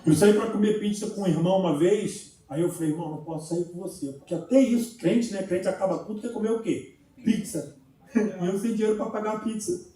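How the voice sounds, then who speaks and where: A man with a Brazilian accent preaching a sermon as pastor, telling his own story with lively humorous asides. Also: sits high, fairly quick. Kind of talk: sermon with personal testimony. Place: church sanctuary. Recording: very echoey church, voice from far off.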